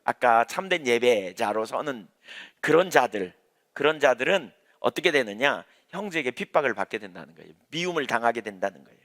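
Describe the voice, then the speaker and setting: Bright-voiced pastor preaching in a reverberant hall. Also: male voice, mid-range voice, animated, a little fast. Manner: emphatic, repeats key phrases, asks the congregation rhetorical questions. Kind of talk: sermon. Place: church, evening prayer service.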